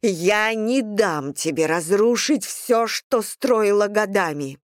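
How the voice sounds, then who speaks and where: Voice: mid-range voice, expressive, no room sound, studio quality, pitched above the performer's own voice. Reader doing an icy, furious mother. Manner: icy, hissing, slow and deliberate. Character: cold, furious middle-aged mother. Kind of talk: audiobook character reading.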